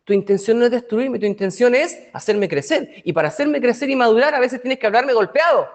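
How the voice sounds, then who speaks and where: A man's voice: very high voice, expressive, a little fast. A man, a pastor teaching a Bible study in a conversational way, often asking his listeners rhetorical questions.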